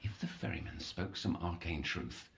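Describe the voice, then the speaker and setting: A male actor with a low voice and vocal fry plays a brooding, obsessive psychiatric counsellor in an audio horror drama. His moderately paced delivery is theatrical and ornate, slipping into whispers and turning eerily tender.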